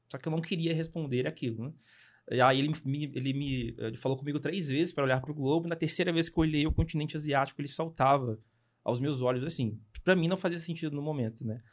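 A young Brazilian man, a missionary guest, telling his story in a casual interview with animated, hurried speech and frequent tag questions. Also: a little high. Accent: Brazilian Portuguese.

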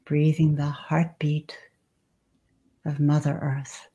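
A woman leading a guided meditation with slow, soothing, drawn-out phrasing. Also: sits low, level tone. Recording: loud background noise and rattle.

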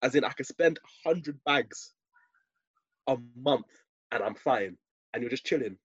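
A young man speaks in a London roadman accent, swinging animatedly through his slang. His voice is husky and a little high, on a dry, muffled recording. It is casual, matey podcast banter. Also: lively intonation, a little slow, fairly bright tone, no echo. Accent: London roadman, urban British slang. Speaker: podcast co-host.

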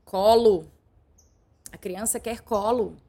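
This middle-aged woman's voice sits on the high side and is expressive, moving at a normal speed. Teaching online via live stream, she speaks straight to her viewers with warmth and affection.

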